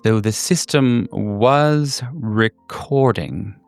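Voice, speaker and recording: A man voicing an uneasy, guarded woman who talks haltingly. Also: on the low side, faint music behind. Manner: hesitant, halting speech. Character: uneasy middle-aged woman staff member, guarded.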